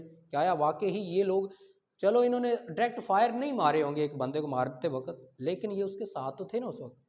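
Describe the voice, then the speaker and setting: On a dull lo-fi recording, a Pakistani-accented man lectures on law, his voice high yet darkish in tone. He illustrates points with examples, answers his own questions, and alternates Urdu with English legal vocabulary.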